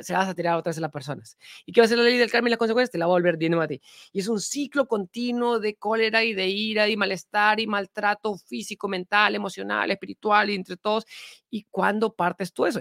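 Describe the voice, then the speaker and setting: A man's voice: sits high, vocal fry, a bit bright, dry recording, studio quality. A man giving a spiritual talk to an audience, asking rhetorical questions and repeating himself for emphasis. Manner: repetitive, full of rhetorical questions; earnest, with sudden emphatic swings. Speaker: spiritual teacher.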